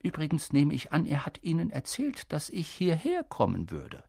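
A man voicing a gentle, wise elderly wizard headmaster in an audiobook reading, speaking softly and slowly. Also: fairly high pitch, gravelly, husky, no room sound, clean studio sound, pitched above the performer's own voice, heavily acted. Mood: calm. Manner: soft, calm, slow. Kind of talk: audiobook character voice.

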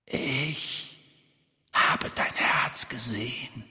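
A man voicing an evil spirit trapped in a locket, taunting in a slow, hissing whisper. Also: mid-range voice, sharp tone, long reverb tail, heavily acted.

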